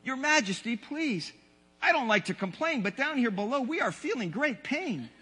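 A man's voice: very high voice, sing-song, moderate pace, sharp tone, slightly rough, exaggerated voice. A man voicing a meek, suffering little turtle from a children's storybook, pleading politely. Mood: pleading, pained. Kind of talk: children's storybook read aloud. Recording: long hall reverb.

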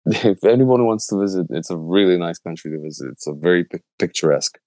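A man, answering interview questions in a thoughtful, halting way. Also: low-pitched, mellow, no echo, poor audio. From Slovenia. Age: 30s. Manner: thoughtful, halting, searching for words. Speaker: interviewee, illustrator.

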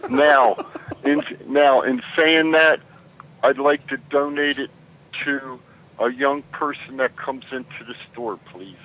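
A man in his sixties calls in over a car speakerphone from behind the wheel. His tone is bright and forward. He is courteous, calls people sir, and stops to restart his sentences. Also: medium pitch, steady tone, highs cut off, slight background noise. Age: 60s. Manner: polite and affectionate, says sir, halting restarts. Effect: car speakerphone call while driving. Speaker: radio show caller. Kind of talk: casual call-in chat. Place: in a car driving.

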